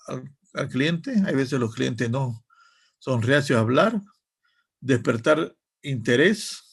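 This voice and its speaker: A male teacher lectures a sales class. His voice is deeply gravelly and husky. He tags almost every phrase with a little questioning check and often restarts words mid-thought. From Santa Cruz, Bolivia. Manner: ends nearly every phrase with a questioning tag, frequent restarts.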